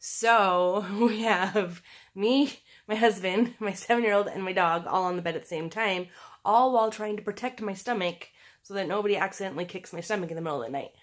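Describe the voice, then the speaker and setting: A woman with a scratchy, sore-throat voice talking in a halting, candid, conversational way, as in a casual personal video diary. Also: mid-range voice. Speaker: personal vlogger.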